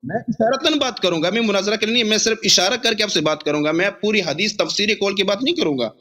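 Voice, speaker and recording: A man's voice: sits high, bright, forceful tone. A man arguing as a cleric in a debate, repeatedly pressing his point and insisting that his opponent listen. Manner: keeps cutting in to demand to be heard. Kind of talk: heated debate.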